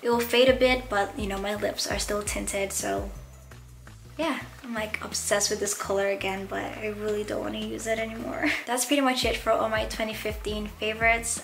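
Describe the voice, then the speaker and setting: Young woman vlogger rambling casually about makeup, lots of um and like, soft music behind. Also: mid-range voice. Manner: chatty, many fillers like um and like. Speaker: beauty vlogger. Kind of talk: casual product review.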